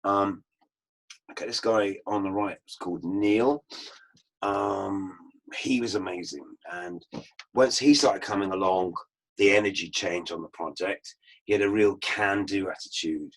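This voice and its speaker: A man with a somewhat low voice gives an online lecture over his slides. He tells his stories in an unhurried, anecdotal way, as a teacher sharing field experience. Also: rough recording. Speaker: permaculture teacher.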